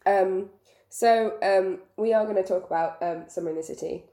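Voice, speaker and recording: A woman hosting a casual podcast, her voice croaky and creaky from being ill. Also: mid-range voice, moderate pace, warm tone. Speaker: podcast host. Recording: roomy echo.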